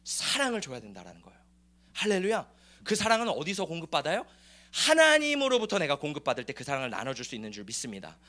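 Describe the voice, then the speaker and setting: Male pastor, preaching a sermon, high and animated voice, emphatic with frequent questions to the pews. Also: quick pace. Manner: lively and emphatic, calling hallelujah and asking the congregation questions. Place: church sanctuary.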